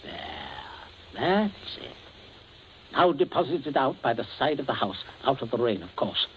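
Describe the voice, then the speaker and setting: A man's voice: mid-range voice, sing-song, moderate pace, close to an everyday voice. An actor playing a scheming middle-aged father in a 1940s radio play, coldly jovial and suave while giving orders. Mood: menacing. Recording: dull old radio recording, faint hiss.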